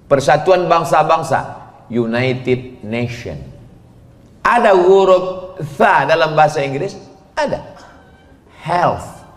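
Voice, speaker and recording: A male preacher delivers a playful sermon, tossing questions to his listeners and chanting verses between jokes. He speaks slowly and deliberately. His voice rings through a large echoing hall. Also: a little high. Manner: lively, joking, asks the crowd questions and chants verses. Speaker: Islamic preacher. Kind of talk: humorous sermon to a women's audience. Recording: echoey hall sound.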